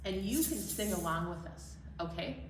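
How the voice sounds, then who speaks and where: This woman's voice is fairly low and animated, moving at normal speed as she hosts storytime at a children's library. She keeps her phrases simple and encouraging for young kids and leads sing-alongs. The audio is very noisy, roomy, and distant-miked, with music.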